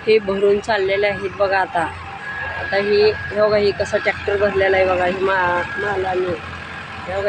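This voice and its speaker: A woman's voice: medium pitch, background noise. An older woman chatting casually as she shows around her village and fields outdoors, pointing things out as she goes. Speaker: vlogger showing her village. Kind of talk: casual village tour chat. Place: outdoors on a farm road.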